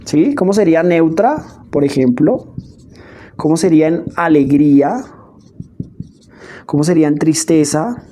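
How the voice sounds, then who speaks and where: A woman teaching public speaking in a spoken lesson, expressive and often checking in with her listeners. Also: sits low, measured pace, pauses often. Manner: expressive, demonstrates emotions with her voice; frequent checking "¿sí?" asides.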